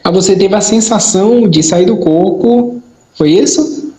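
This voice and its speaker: Gentle interviewer, roomy echo. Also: male voice, high-pitched, unhurried, crowd noise. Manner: gentle, reflective, affirming. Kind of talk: conversational interview. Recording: roomy echoey sound.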